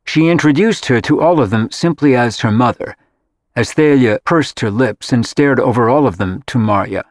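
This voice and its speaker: A man narrating an audiobook in a steady, measured reading. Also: mid-range voice, no room sound, studio quality. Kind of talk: scripted narration.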